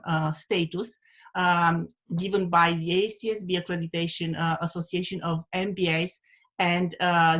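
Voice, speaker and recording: A woman from Romania, presenting as a university dean on a video call, with hesitant speech full of fillers. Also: fairly low pitch. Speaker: undergraduate dean. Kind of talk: webinar presentation.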